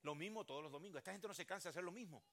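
A high, bright voice belongs to an older male preacher who delivers his sermon in a lively, theatrical way. He slips in and out of acted voices of churchgoers and swings between loud bursts and soft asides. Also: racing. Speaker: pastor.

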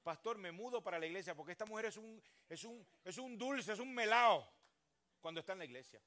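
A high, bright voice belongs to an older male preacher who delivers his sermon in a lively, theatrical way. He slips in and out of acted voices of churchgoers and swings between loud bursts and soft asides. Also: quick pace. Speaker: pastor.

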